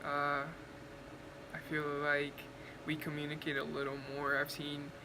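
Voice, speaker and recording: Brief: man in his twenties from Mexico, fairly high and flat, plain brief answers, clear room noise. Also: unhurried. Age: 20s. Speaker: interviewee. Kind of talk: casual interview answers. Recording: noisy, air conditioning hum.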